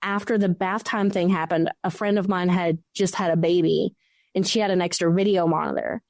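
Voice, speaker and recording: A woman guest recounting her own haunting experience, animated and acting out what people said. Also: lowish voice, brisk, no room sound, clean studio sound. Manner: animated storyteller who acts out quoted speech. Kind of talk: recounting a personal ghost story.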